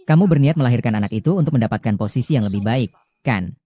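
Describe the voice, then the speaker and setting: A man's voice: mid-range voice, animated, fast talker, warm tone, no room sound, close to an everyday voice. A man dubbing a cold, scornful young lover. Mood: cold, accusing. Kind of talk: drama dubbing.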